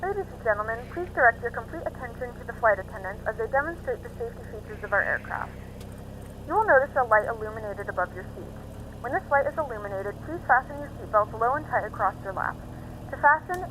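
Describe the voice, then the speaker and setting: A woman's voice: on the high side, lively intonation, fast, a bit bright, a little hiss or hum, rough recording. A woman as a flight attendant reciting a formal scripted safety announcement over the cabin public address speakers.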